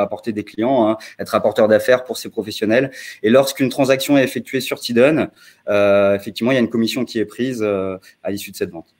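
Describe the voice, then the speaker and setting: Guy answering questions about his startup, average pitch, lots of hesitant pauses. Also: darkish tone. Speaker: start-up representative. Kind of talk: explanatory presentation, answering questions.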